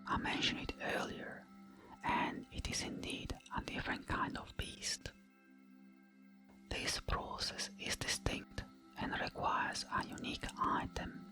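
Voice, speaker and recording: A narrator giving a scripted game guide in a breathy, intimate ASMR whisper, close to the mic, measured and explanatory. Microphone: close microphone, ear to ear.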